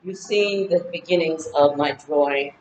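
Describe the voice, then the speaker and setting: Sitting low in pitch and slightly mellow, her voice moves at a measured pace through a casual birthday talk to her viewers. The vlogger, in her sixties and at home in Ghana, chats and rambles through her goals with many fillers. There's slight background noise along with a roomy echo and faint ambience.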